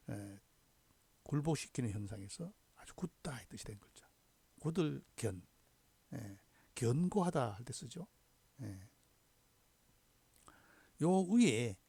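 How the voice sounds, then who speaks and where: Male hanja teacher, gravelly and mellow, lively intonation, deliberate lecture pace. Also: mid-range voice, no echo. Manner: slow, deliberate, punctuates with frequent affirming "ye". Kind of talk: recorded lecture.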